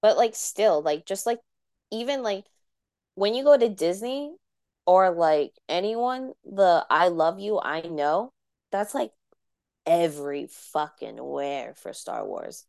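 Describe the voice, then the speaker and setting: A woman talks in a lowish voice, casual and animated, full of fillers as she chats with friends. The sound is dry and close, with no room around it. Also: takes it slowly, gravelly, no room sound. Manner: animated, filler-heavy, hums melodies. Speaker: podcast co-host. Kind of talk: casual chat.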